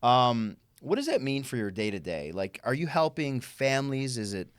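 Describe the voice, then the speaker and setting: A man's voice: medium pitch, very animated, moderate pace, clean tone, no room sound, studio quality. A man hosting a casual podcast interview, asking his guest questions in an easygoing way. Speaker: podcast host.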